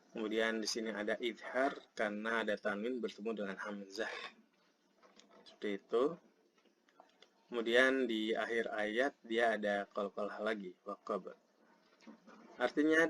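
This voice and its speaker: A man with an Indonesian accent teaching a Quran recitation lesson, explaining each verse patiently and reciting it slowly. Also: lowish voice.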